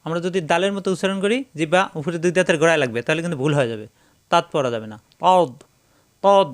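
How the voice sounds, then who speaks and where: Male recitation teacher, slightly raised pitch, clean ringing tone, methodical syllable-by-syllable drilling. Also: expressive, a bit bright. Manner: spells syllables slowly, then chants the verse drawn out. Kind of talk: spelling-out recitation lesson.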